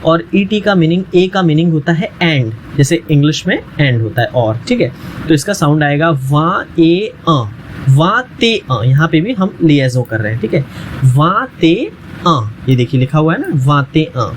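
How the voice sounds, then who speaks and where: Patient man teaching slowly. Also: on the high side, a little hiss or hum, poor audio. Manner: patient, repeats each word slowly with frequent "theek hai?" checks. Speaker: French teacher. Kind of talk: language lesson explained in Hindi.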